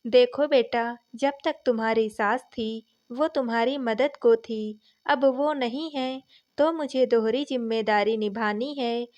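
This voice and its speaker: A woman's voice: on the high side, takes it slowly, darkish tone, lo-fi sound. A woman voicing a kindly, affectionate older father-in-law in a story reading, speaking in a soothing, fatherly way.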